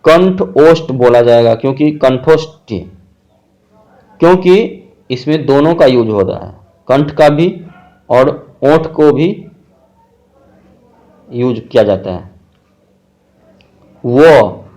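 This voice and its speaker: A man's voice: medium pitch, lively intonation, warm tone. A man teaching a grammar lesson, explaining step by step and listing examples one at a time with frequent check-ins. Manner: slow, methodical explaining with frequent "theek hai" check-ins.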